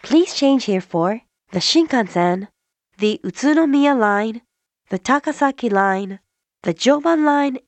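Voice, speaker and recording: A woman reading scripted train announcements in a formal, carefully measured manner. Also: a little high, expressive, dry recording.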